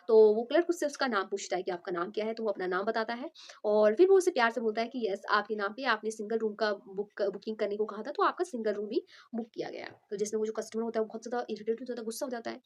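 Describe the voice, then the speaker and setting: A woman's voice: a little high, fast. A woman telling a simple motivational story in a casual, chatty way, with many fillers and restarts.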